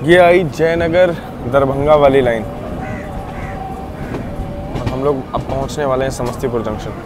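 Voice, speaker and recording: A man's voice: mid-range voice, steady tone, a little slow. A young man vlogging a train journey on station platforms, talking into a phone held at arm's length in a chatty, informative tour-guide tone. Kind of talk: casual travel vlog narration. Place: outdoor railway station platforms. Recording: loud station and train noise. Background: station crowd and trains.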